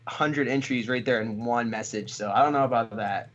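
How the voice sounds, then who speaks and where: A man's voice: medium pitch, fairly quick, fairly bright tone. An American man moderating an esports livestream, announcing giveaway winners in an upbeat, casual way. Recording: slightly dull lo-fi stream audio.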